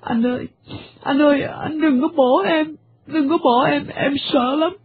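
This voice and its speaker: A fragile young wife pleads through her tears in a radio drama, voiced by a woman. Her voice is high and trembling. It comes over a tinny AM broadcast. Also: moderate pace, slight background noise, lightly acted. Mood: tearful. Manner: tearful, pleading.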